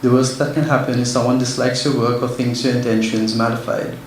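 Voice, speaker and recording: A fairly quick, flat delivery in a medium pitch marks this author's prepared literary speech, which he reads with nervous earnestness. Heavy echo fills the indoor venue, and faint noise sits in the background.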